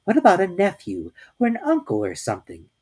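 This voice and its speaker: A woman voicing a kindly young boy in a children's story, calm, measured and matter-of-fact with gentle playfulness. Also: medium pitch, husky, pitched above the performer's own voice. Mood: musing, playful.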